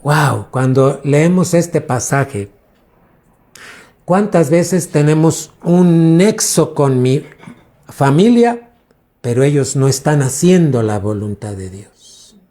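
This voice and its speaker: A man's voice: on the high side, animated, slow pace, warm tone. A man, a pastor preaching a teaching sermon and quizzing his congregation with questions.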